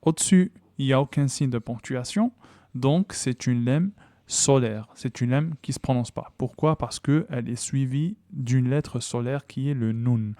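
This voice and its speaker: Guy teaching quran recitation, mellow voice, patient, repeats sounds over and over, dry close mic. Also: medium pitch, dry recording. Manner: patient explanation, repeats sounds slowly with emphasis. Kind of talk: tajwid lesson with recitation.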